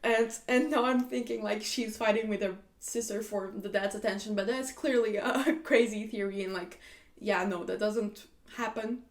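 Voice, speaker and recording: A woman's voice: mid-range voice, fairly even intonation, normal speed. A woman hosting a casual reaction video, reading posts aloud and chatting with lots of "like" and frequent laughs. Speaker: YouTube host reacting to posts.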